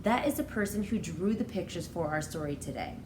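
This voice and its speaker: With a lowish voice, lively intonation, and a slightly fast pace, a teacher in her thirties reads a picture book expressively to young children and adds explanations. She's in a small indoor room; the recording has roomy echo and faint background noise.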